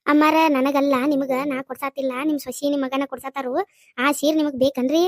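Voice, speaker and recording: A woman's voice: high voice, level tone, fast talker, no echo, clean studio sound, lightly acted. A woman voicing a bossy, exasperated village daughter-in-law with a North Karnataka accent in a cartoon comedy. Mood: loud, coaxing. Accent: North Karnataka Kannada. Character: busy village daughter-in-law shopping for a saree.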